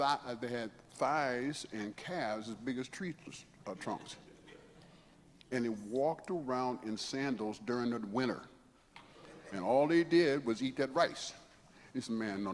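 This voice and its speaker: A man's voice: mid-range voice, a little slow. A man in his seventies, a guest speaker telling rambling, chuckling anecdotes with frequent asides in a church hall. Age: 70s. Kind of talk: anecdotal storytelling talk. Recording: long hall reverb, faint background noise.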